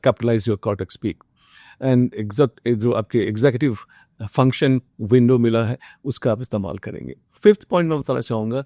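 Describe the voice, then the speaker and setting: An Indian man teaching exam students, mixing English phrases into Hindi with frequent filler pauses. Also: medium pitch, dark tone, no echo, studio quality. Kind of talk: motivational study lecture.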